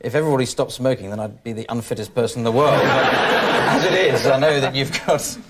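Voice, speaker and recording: A man's voice: medium pitch, brisk. A man with an English accent hosting a chat show interview, chatty and self-deprecating. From England. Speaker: talk show host. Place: TV studio. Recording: TV studio with audience noise. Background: studio audience laughter.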